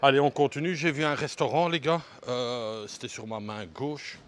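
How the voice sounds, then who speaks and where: A man's voice: medium pitch, moderate pace, a little hiss or hum. A man vlogging casually while walking outdoors, hot and short of breath, joking and talking straight to his viewers. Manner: chatty, jokey, addresses viewers directly. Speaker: travel vlogger. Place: outdoor ridge path.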